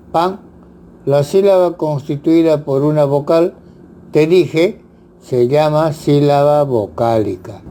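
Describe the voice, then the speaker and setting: A man teaching grammar, reading lists of example words in a measured, deliberate way. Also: on the high side, dark tone. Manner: measured, spells out examples one by one. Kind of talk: slow instructional reading.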